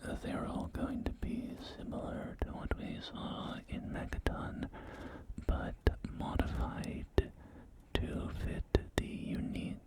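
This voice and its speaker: In a whispered, breathy ASMR roleplay, the speaker plays a polite, genteel real estate agent. The delivery is unhurried and hesitant with refined phrasing, and soft music plays in the background.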